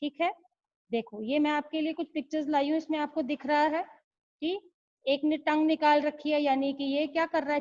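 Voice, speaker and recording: A woman's voice: high-pitched, a little mellow. A woman teaching young children an online lesson, patiently explaining and often checking if they understand. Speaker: school teacher. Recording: slightly muffled lo-fi audio.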